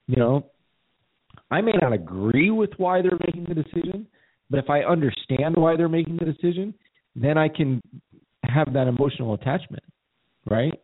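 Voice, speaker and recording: A man's voice: on the high side, lively intonation, moderate pace, pauses often. Man, co-host, casual talk, rambling and self-repeating, tinny phone-like sound. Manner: rambling, repeats words while thinking aloud. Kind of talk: casual conversation.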